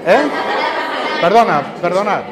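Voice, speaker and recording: A man with a Canarian Spanish accent and a fairly high voice talks slowly and patiently, putting questions to his audience. Behind him a lively crowd murmurs through the large room. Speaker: teacher giving a talk to students. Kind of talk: classroom talk on word origins. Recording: lively audience noise around the speaker. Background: crowd of listeners.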